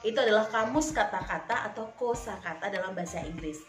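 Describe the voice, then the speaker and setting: A woman teacher giving a lesson to children, speaking clearly and deliberately with lively expression. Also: mid-range voice, soft background music. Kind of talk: recorded online lesson for children. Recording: echoey room.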